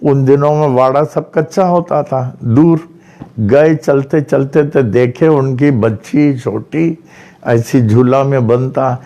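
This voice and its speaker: A man from Maharashtra telling devotional stories in a slow, repetitive way, like a spiritual teacher addressing followers. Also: medium pitch, mellow, highs cut off. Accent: Maharashtra, India. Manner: slow storytelling with repeated phrases. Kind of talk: devotional discourse.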